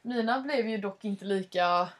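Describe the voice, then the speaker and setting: A young woman casually telling a story to a friend, animated, acting out her own reactions and swearing freely. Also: mid-range voice, slight background noise.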